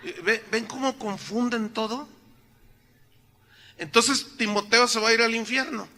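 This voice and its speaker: The voice is extremely high, steady and sharp, moving at a measured pace: an older pastor preaching a sermon in a church sanctuary. His throat is a bit sore, and he keeps things joking and conversational, posing rhetorical questions to the congregation throughout.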